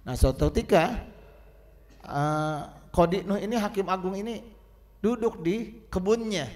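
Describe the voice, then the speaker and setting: Man, mosque preacher, rhyming oratory, higher-pitched voice, long hall echo. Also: measured pace. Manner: rhythmic rhyming oratory with sharp swings in loudness. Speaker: Friday sermon preacher. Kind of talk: sermon. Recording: echoey mosque hall sound.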